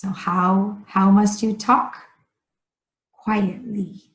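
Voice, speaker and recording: Woman, ESL teacher, very slow careful delivery, repeats key words, roomy echo. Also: medium pitch. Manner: speaks slowly and deliberately, repeating key words. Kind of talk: slow, clearly enunciated grammar lesson.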